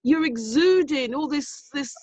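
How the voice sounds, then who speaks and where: A woman's voice: sits high, animated, measured pace, a little mellow, no room sound. A woman co-hosting a casual video-call chat, effusive and chatty. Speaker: co-host. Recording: dull, dry video-call audio.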